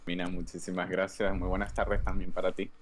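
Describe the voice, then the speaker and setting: Male doctor guest, lowish voice, reflective and hedging. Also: monotone, a little fast. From Venezuela. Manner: thoughtful, hedging, with fillers. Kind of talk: interview answers.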